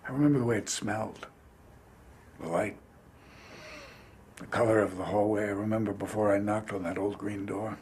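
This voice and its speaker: Guy playing a sentimental middle-aged dad, low voice, soft and wistful. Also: fairly even intonation, moderate pace, long pauses, a little hiss or hum, close to an everyday voice. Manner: softly nostalgic, tender. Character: gentle middle-aged father, sentimental and fond. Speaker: father.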